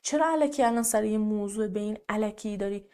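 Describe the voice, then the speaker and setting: A woman's voice: mid-range voice, mellow, smooth, close to an everyday voice. Woman voicing a worn-out, exasperated husband. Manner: pleading, exasperated reasoning. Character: worn-out husband, middle-aged man, patient then bitter.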